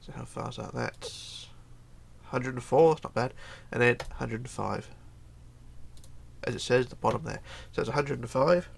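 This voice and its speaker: Speaking at a moderate pace in a husky, mid-range voice with vocal fry, a middle-aged tutorial host with a cold walks through a casual game build at his computer desk at home. He's hoarse, counts blocks aloud, chats along, and frequently mumbles.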